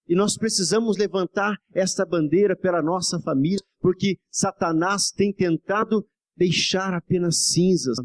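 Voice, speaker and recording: A man, a pastor, preaching a fervent evening sermon in church, exhorting the congregation and often calling out to the brothers and asking for amens. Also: sits high. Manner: constantly addresses "brothers" and asks for amens. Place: church service before a congregation.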